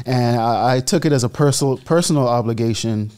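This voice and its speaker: Smooth-voiced Bahamian man telling a story. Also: medium pitch, brisk. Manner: relaxed storytelling, gestures while talking. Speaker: guest entrepreneur. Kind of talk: casual podcast interview. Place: studio set with leather armchairs. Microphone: boom-arm studio mic.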